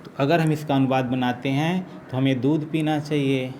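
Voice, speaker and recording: A man teaching an English grammar lesson, slowly repeating each phrase as he writes it out. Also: medium pitch, steady tone, darkish tone, a little hiss or hum. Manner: slow, repeats each phrase while writing.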